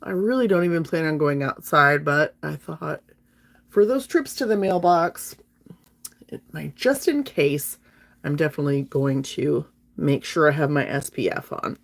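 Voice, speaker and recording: A woman's voice: sits low, lively intonation, a little slow, creaky. A woman. She chats casually with viewers on a makeup livestream and has a slight lingering cough. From North Alabama, USA. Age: 50s. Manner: chatty and friendly, talking straight to viewers. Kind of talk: casual livestream chat while doing makeup.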